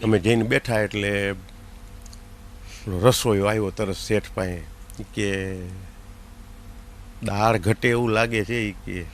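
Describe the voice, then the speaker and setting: A man with a Gujarati accent telling a folk comedy story, slipping into quick voices for the people in it. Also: on the low side, a little hiss or hum. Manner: lively anecdotal telling with put-on voices for characters. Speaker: comic storyteller.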